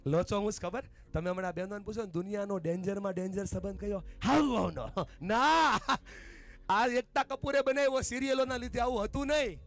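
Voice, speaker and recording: A man giving an animated motivational speech to a family gathering, leading the crowd in call-and-response chants. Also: high voice, fast talker, hardly any pauses, soft background music. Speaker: motivational speaker. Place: outdoor party venue.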